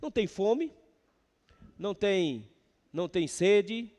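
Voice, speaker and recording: A Brazilian man preaching a sermon as pastor, swinging between loud emphasis and hushed words. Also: sits high, expressive, takes it slowly. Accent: Brazilian Portuguese. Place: church sanctuary. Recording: church hall reverb.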